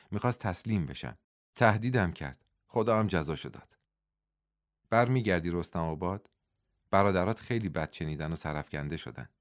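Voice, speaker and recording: A man reading the part of a desperate young widowed woman servant, pleading and confessing in a storybook reading. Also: low-pitched.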